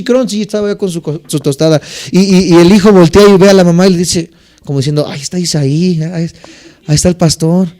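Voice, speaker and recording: A pastor delivers a sermon in a noticeably high voice for a man. He keeps turning to the congregation with rhetorical questions and folksy stories. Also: a little mellow, clear, resonant tone. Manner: preaching with rhetorical questions and anecdotes.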